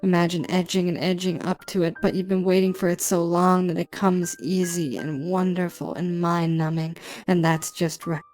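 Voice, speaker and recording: A woman delivering an erotic hypnosis monologue for adults, speaking intimately close in the listener's ear in a commanding, deliberate, repetitive way. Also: on the low side, level tone, a little mellow, low-quality recording. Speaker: hypnosis narrator. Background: music.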